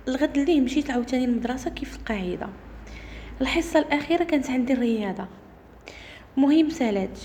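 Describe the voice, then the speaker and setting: A woman with a Moroccan Arabic accent tells a first-person horror story at a rapid clip. Her voice sits high, yet its tone is soft and mellow rather than bright. She keeps the telling brisk and suspenseful. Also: a little hiss or hum.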